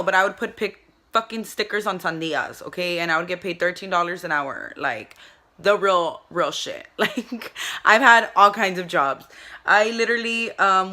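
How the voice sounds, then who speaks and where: A woman's voice: mid-range voice, pushed and bright. A young woman vlogging from her bed into her phone, chatting in a rambling, profane way full of "like". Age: young adult. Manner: rambling, profane, filler-heavy with constant "like". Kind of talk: casual confessional chat. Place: in bed at home. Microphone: phone camera.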